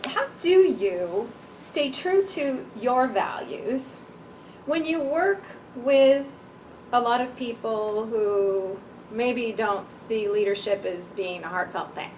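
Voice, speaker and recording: A woman interviewer asks her questions slowly and deliberately, in a somewhat high voice. She is recorded from far off, and faint noise lies beneath her speech. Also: expressive, darkish tone. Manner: measured, probing. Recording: distant mic with faint noise.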